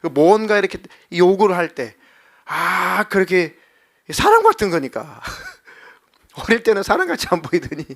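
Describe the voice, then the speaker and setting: A middle-aged man preaching a sermon as a pastor in a church, animated and acting out voices as he talks. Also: high-pitched, measured pace. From South Korea. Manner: animated, acts out children's and God's voices. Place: church sanctuary.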